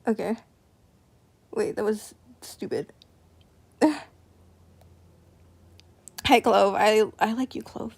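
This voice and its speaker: A woman's voice: mid-range voice, fairly even intonation, extremely slow, creaky, long pauses, darkish tone, slightly rough. A young woman streaming live, chatting casually, nervous and apologetic, rambling with lots of fillers.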